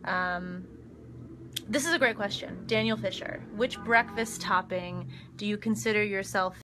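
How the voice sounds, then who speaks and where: A woman's voice: medium pitch, unhurried, over music. A young woman casually answering fan questions during a live stream, chatty with frequent ums and giggles. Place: backstage dressing room. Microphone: phone livestream.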